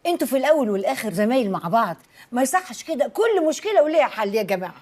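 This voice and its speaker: An exasperated Egyptian school official. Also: female voice, a little high, big pitch swings, rapid-fire, darkish tone. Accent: Egyptian Arabic. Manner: pleading, exasperated. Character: weary woman trying to keep the peace. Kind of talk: comedy TV series acting.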